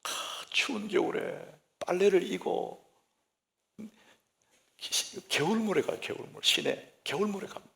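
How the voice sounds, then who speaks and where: A male senior pastor delivering a sermon, spinning humorous everyday anecdotes. His voice sits high and swings widely in pitch. There is a strong gravelly creak in it. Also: measured pace, pauses often. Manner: lively anecdotal storytelling, humorous.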